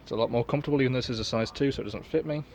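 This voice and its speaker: A man who collects and resells gas masks gives a casual, unscripted review, rambling offhandedly and swearing. He talks very fast in a mid-range, slightly mellow voice, with a little hiss or hum.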